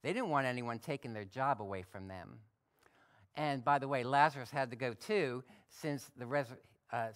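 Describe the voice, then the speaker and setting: A male pastor giving a sermon, reading scripture aloud and adding relaxed, folksy asides. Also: medium pitch. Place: church.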